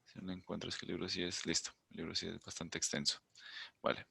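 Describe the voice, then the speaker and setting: A low-voiced man teaching an online class through a computer microphone. His voice sits in a dry, close sound. He explains step by step and keeps checking that his students follow him. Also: monotone, quick pace, gravelly, sharp tone, husky, no echo. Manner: explanatory, checks in with "¿listo?" and "¿vale?"; thinks aloud, hums while searching the screen. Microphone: computer mic on a video call.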